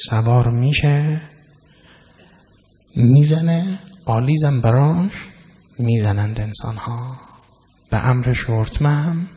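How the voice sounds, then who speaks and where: A man giving a sermon to an audience, explaining scripture word by word, swinging from loud emphasis to low asides. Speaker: religious lecturer. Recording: dull lo-fi recording in a reverberant hall.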